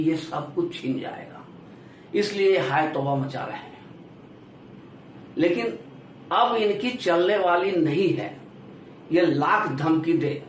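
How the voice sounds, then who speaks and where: Man giving emphatic political commentary. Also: a little high. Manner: emphatic, rising on key words and dropping at phrase ends; lists items in rhythmic repetition. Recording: echoey room, voice from a distance, faint hiss.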